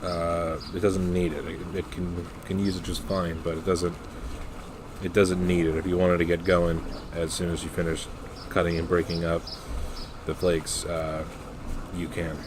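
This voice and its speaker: A man giving a casual, unscripted product review in a halting, matter-of-fact way. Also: deep voice, level tone, noisy background. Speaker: pipe tobacco reviewer.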